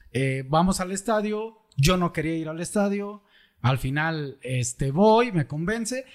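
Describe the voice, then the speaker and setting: A middle-aged man with a Mexican Michoacán accent, hosting a show and telling a personal story in a casual, joking, colloquial way. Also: fairly high pitch. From La Piedad, Michoacán, Mexico. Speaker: podcast host.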